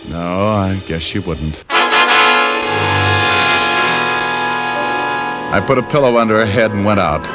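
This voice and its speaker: This deep-voiced man acts a tough, wry private eye and hard-boiled narrator in a 1940s-50s radio detective drama, speaking with an American accent. Though the mood is grim and subdued, his clipped, needling delivery is animated and brisk. The old, low-quality radio recording has music playing behind him.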